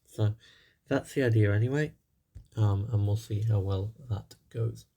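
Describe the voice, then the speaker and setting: A man's voice: on the low side, measured pace, warm tone. A young man, slightly tired, giving casual, rambling commentary over a strategy game with lots of fillers. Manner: rambling, many fillers and hedges. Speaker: gaming channel host.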